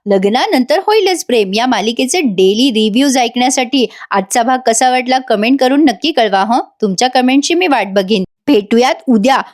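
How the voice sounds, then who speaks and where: A woman's voice: fairly high pitch, expressive, normal speed, few pauses. Chatty woman recapping a serial. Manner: chatty, addresses viewers directly. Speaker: TV serial reviewer. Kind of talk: voice-over episode recap.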